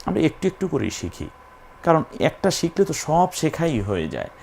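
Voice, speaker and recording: A man's voice: on the high side, wildly swooping pitch, normal speed, vocal fry, a little mellow, slight background noise. Guy teaching recitation, patient, breaks words into syllables, draws out the vowels. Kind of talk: recitation lesson.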